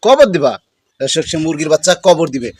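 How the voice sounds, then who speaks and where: A woman with a vlogging in a village, teasing and chatting fast while she addresses her viewers. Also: low-pitched, big pitch swings, a little mellow. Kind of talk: village vlog narration to viewers. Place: outdoors in a village.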